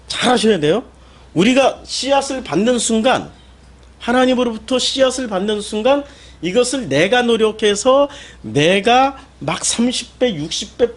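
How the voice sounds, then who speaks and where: A male pastor preaching a sermon, firing rhetorical questions at the congregation and answering them himself, with sudden emphatic exclamations. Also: high voice.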